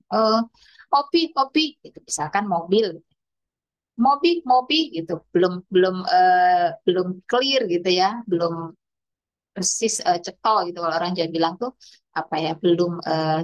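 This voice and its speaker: A woman's voice: on the low side, lo-fi sound. Woman therapist, patient lecturing tone with baby-talk imitations. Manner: explanatory, imitates toddler speech and animal sounds. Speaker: speech therapist. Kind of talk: lecture to parents.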